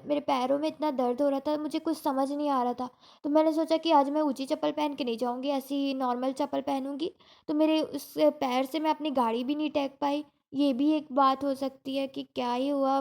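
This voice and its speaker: A woman's voice: high voice, vocal fry, darkish tone. A young woman in casual vlog talk, telling a story in a shaken, rambling way with many restarts, still in pain after a fall. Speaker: vlogger.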